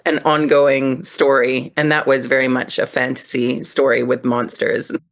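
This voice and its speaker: A woman's voice: rumbling low, flat delivery, moderate pace. A middle-aged woman raised across Europe, answering interview questions in a thoughtful, reflective way and laughing easily. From Europe (Netherlands, France, Germany). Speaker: podcast guest.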